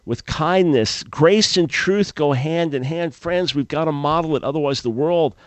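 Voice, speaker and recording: Earnest animated male radio host. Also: on the high side, normal speed, no room sound. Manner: earnest, animated, repeats words and restarts often. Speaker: radio talk show host.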